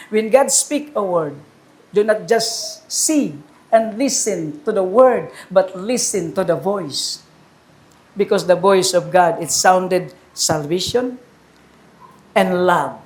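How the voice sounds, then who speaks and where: A woman with a Filipino accent preaching a sermon, switching between Tagalog and English and rising to emphatic calls. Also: high-pitched.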